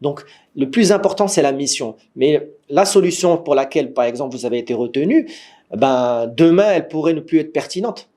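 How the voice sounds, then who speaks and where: A man with a Moroccan French accent, working as a startup trainer, gives an online training lecture to founders through a computer mic on a video call. His voice sits on the high side and moves a little fast; he's lively, keeps checking for the group's agreement, restarts often, and says he's a gamer.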